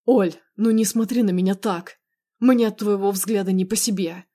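A woman reading an audiobook, voicing a possessive, hot-tempered young man who speaks in a loud, insistent, emotional way. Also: medium pitch, steady tone, normal speed, natural voice. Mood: angry pleading.

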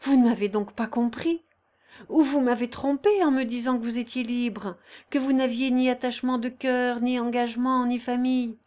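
A woman's voice: fairly high pitch, fairly even intonation, normal speed, a little mellow, lightly acted. A woman reading the part of an aging nobleman who speaks earnestly and imploringly in a storybook. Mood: pleading. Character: aging noble count, grave and pleading.

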